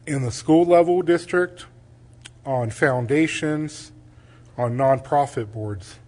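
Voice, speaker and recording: A man's voice: medium pitch, slow, mellow. A man giving a closing statement as a school board candidate, earnest and listing his qualifications in short phrases.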